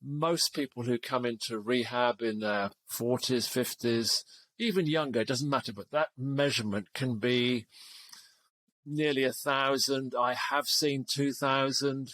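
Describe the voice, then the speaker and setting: A man in his seventies co-hosting a podcast, explaining things in a measured way with small hesitations. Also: medium pitch, steady tone, a bit bright, no echo. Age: 70s. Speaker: podcast co-host. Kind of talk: casual podcast chat.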